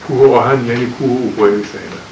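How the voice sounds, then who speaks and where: A male teacher leads a poetry lecture, patiently unpacking old words and lifting his voice to declaim the verses. He sits far from the mic in a roomy, echoing space. A faint hiss runs under his voice. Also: mid-range voice.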